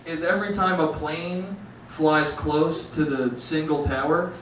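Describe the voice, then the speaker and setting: A slightly high, steady voice with a fairly bright tone and a somewhat slow pace comes from a young comedian on a club stage, swearing casually and calling the laughing crowd dude and bro. The roomy live recording is distant, with a little hiss or hum.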